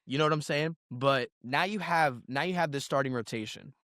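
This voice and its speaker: A man co-hosting a casual sports podcast, ranting in an animated, excitable way. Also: mid-range voice, fairly quick, no room sound, studio quality. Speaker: podcast co-host.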